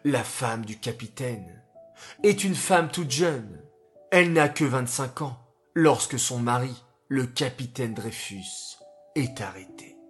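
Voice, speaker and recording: A man's voice: medium pitch, animated, slow pace, fairly bright tone. A man narrating a history story for children in a dramatic, scripted way, sometimes speaking to them directly. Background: faint music.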